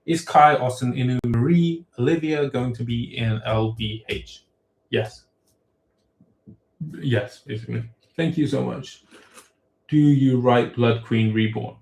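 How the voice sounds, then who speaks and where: A man's voice: medium pitch, a little slow, pauses often, a little mellow. A man, an author hosting a casual livestream Q&A, reading viewer questions aloud and giving rambling, off-the-cuff answers. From grew up in England, born in Thailand. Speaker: web novel author hosting a Q&A. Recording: roomy echo.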